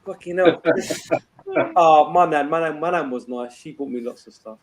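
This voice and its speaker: A man's voice: fairly high pitch, normal speed, noisy background. A man hosting a casual live swap-shop stream, rambling, swearing and laughing often. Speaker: livestream host.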